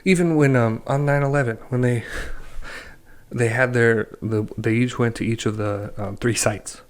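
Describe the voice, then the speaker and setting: Young guy on a podcast, mid pitch, ranting and cussing nonstop. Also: steady tone, normal speed. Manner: blunt, swears a lot, ranting. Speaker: podcast co-host. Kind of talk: casual profane chat.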